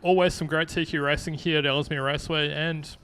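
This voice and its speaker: A man, a co-commentator giving relaxed, measured analysis of the speedway racing. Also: a little high, clear, resonant tone. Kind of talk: live motorsport commentary. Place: outdoor speedway commentary position. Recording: faint speedway noise behind.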